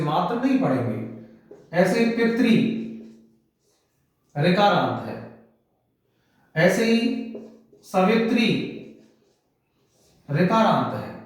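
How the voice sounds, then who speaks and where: Lively, high-pitched male teacher in echoey room. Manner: explains step by step, poses and answers questions. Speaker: Hindi teacher. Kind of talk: grammar lesson. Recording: very echoey room, mic far off.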